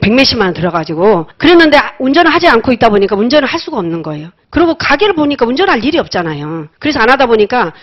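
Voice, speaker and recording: A middle-aged woman telling a personal success story at a meeting, lively and acting out the dialogue with laughter. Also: fairly high pitch, rapid-fire, few pauses. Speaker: speaker at a sales meeting. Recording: dull lo-fi audio.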